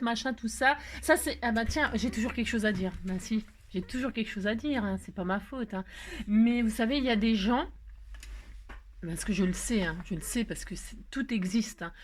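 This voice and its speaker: A woman talks straight to her viewers, rambling and joking with lots of fillers. Her voice sits somewhat high for a woman. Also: moderate pace, slight background noise. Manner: chatty and rambling, jokey, many fillers. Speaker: crafting vlogger. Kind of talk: casual chat to viewers.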